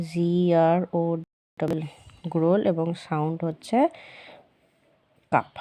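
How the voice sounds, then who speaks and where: A woman teacher, explaining a children's workbook lesson patiently and repeating the answers slowly. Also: on the low side, dark tone.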